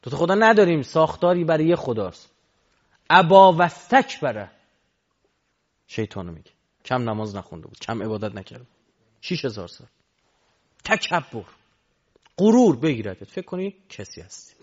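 A male preacher delivers a sermon into a microphone, his voice leaping between forceful calls and hushed, low asides. His pitch rides high and swoops widely as he presses each point. The recording is dull and lo-fi. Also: long pauses. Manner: animated, swinging between loud exhortation and low murmurs. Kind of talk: religious sermon.

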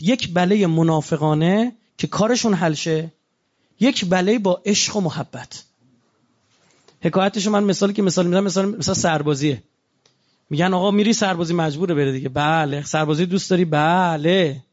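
A man's voice: high voice, lo-fi sound. A man preaching a religious sermon in a conversational way, asking his listeners rhetorical questions.

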